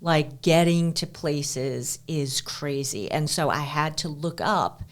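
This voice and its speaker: Chatty, lower-voiced woman podcast co-host. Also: takes it slowly. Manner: chatty, sarcastic asides, lots of fillers. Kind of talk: casual chat.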